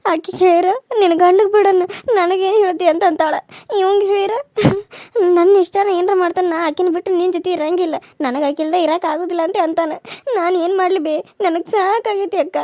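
Woman doing a teary young village wife, super high voice, dry sound. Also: fairly even intonation, brisk, mellow, no room sound. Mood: despairing. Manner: weepy, pleading, self-pitying. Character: young pregnant wife, beaten, tearful. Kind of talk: cartoon serial voice acting.

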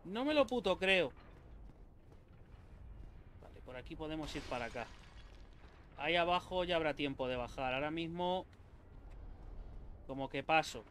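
High-voiced spanish guy yapping thru his game, swears a ton, bit of hum behind. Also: moderate pace, long pauses. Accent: Spain Spanish. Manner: excitable, swears a lot, talks to himself and viewers. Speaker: gaming YouTuber. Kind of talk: live gameplay commentary.

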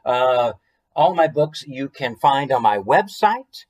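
An American man in his thirties, a children's author, reads his own book aloud to viewers from a small room at home. His mid-range, darkish voice moves slowly with big swings in pitch, and he adds chatty asides and questions for his listeners.

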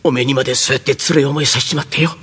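A man playing a rough-spoken working-class father in a rakugo tale, with an old Tokyo dialect, gruff and clipped. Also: mid-range voice, steady tone, very fast, fairly bright tone. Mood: gruff tender. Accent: Edo Tokyo dialect. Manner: gruff and clipped, choked with emotion. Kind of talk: traditional rakugo storytelling.

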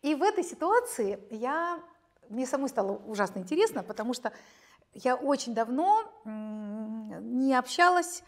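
Gynecologist in her late fifties, slightly high voice, measured and academic with lively stories, lapel mic in a studio. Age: 50s. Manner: measured, academic, animated storytelling. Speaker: gynecologist guest expert. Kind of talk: conversational expert explanation. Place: bright studio, seated on chair.

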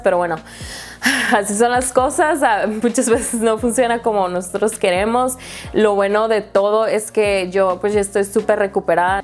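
A young woman tells a personal story to her viewers in a chatty, candid way, with lots of fillers. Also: medium pitch. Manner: chatty, candid, full of fillers, laughs often. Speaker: vlogger. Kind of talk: casual storytelling to camera.

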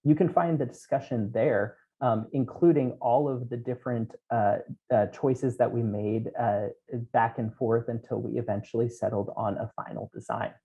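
With a warm, mid-range voice, vocal fry, fairly even intonation and a moderate pace, a man in his thirties explains code step by step for a technical conference keynote, punctuated by frequent ums. He's in a small room at home, indoors, using a headset, and the remote talk recording sounds dull and lo-fi.

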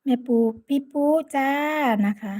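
A woman's voice: a little slow, warm tone. A woman with an Isan accent chatting casually on a live stream, greeting and thanking viewers by name. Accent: Isan (Northeastern Thai). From Sakon Nakhon, Northeast Thailand. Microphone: phone.

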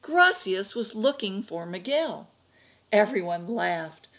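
A woman reading a picture book aloud to an adult learning class, slow and expressive. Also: medium pitch.

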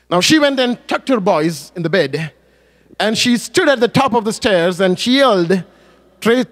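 A male pastor with a fairly high voice preaches a story. He tells it with feeling, his voice climbing and dropping, and he corrects himself mid-phrase now and then. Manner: emotive, rising and falling in pitch and volume; self-correcting with small restarts. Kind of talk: sermon storytelling.

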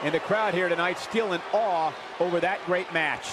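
Male wrestling game commentator, high voice, emphatic calls, loud game noise behind. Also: normal speed. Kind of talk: video game play-by-play commentary.

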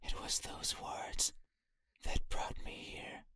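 A woman voicing an eerie night spirit that wants a person's eyes, speaking in a slow, cryptic, breathy whisper. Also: pushed and bright. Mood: menacing whisper.

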